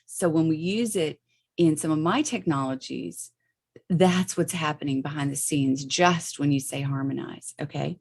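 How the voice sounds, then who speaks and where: A woman's voice: low-pitched, normal speed, gravelly, a little mellow, slightly rough. A middle-aged woman explaining a spiritual meditation practice in a loose, chatty way, often checking in with "okay" and "right". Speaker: spiritual teacher.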